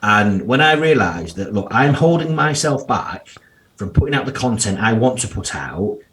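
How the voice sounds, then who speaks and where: A financial planner in his thirties with a strong Yorkshire accent speaks candidly and bluntly as a guest on a casual podcast interview, using slang and the odd curse. His mid-range voice is sing-song and a bit bright, at a normal speed.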